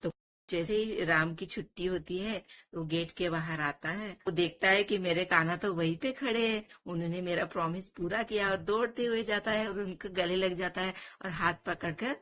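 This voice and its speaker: Casting: woman storyteller, lower voice, casual spoken narration. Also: moderate pace, fairly bright tone. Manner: plain conversational telling with restarts.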